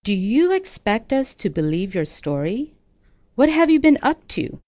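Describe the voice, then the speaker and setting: A woman's voice: mid-range voice, very animated, measured pace, creaky, darkish tone, no echo. A woman voicing a stern, angry male village chief who accuses and commands. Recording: dull lo-fi audio.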